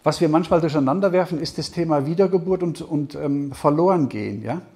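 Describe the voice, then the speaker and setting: A man giving a conversational Bible seminar talk, often checking in with the audience with a quick "ja?". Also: a little high, warm tone. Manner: conversational, keeps asking "ja?". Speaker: Bible teacher. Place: seminar hall with audience questions.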